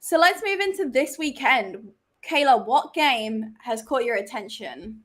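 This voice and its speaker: A woman's voice: sits high, animated, unhurried, fairly bright tone. A woman co-hosting a women's soccer preview in casual chat, laughing easily and inviting viewer comments. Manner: chatty, laughs easily, asks for audience comments. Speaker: soccer show co-host.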